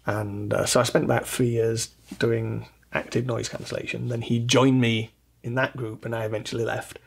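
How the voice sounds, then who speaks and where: A middle-aged British man from England, answering interview questions in a thoughtful, measured way with fillers. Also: mid-range voice, level tone, vocal fry, a little hiss or hum. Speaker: interview guest, loudspeaker designer. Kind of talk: relaxed conversational interview.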